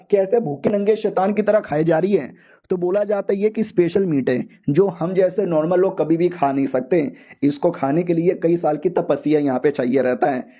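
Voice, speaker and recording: A man's voice: sits high, warm tone. A young man casually recapping a comic story in a slangy, joking, profane way.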